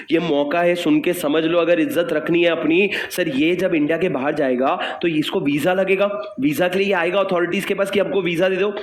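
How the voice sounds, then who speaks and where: A man with an Indian accent teaching tax law in a lively, jokey lecture, acting out little dialogues and calling his students sir. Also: high-pitched. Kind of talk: animated classroom lecture. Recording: echoey room with faint background noise.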